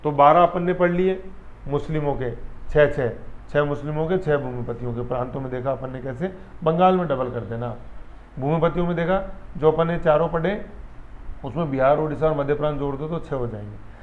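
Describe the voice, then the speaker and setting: A man's voice: a little high, a little fast, phone-quality sound. A male teacher giving a classroom lecture. He explains step by step and keeps checking that students follow with rhetorical questions.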